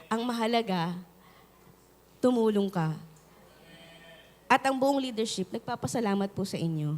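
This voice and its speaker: A woman pastor with a Filipino accent preaching a sermon, switching between Tagalog and English, with lively storytelling and call-and-response with the congregation. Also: fairly high pitch, unhurried. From Philippines. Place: church hall. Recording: hall reverb in a church.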